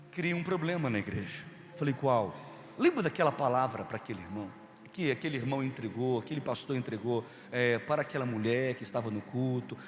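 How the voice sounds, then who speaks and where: Brazilian man, bishop, lively pitch, storytelling sermon, reverberant church with soft music underneath. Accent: Brazilian Portuguese. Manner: animated storytelling, swings from hushed to loud. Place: large church.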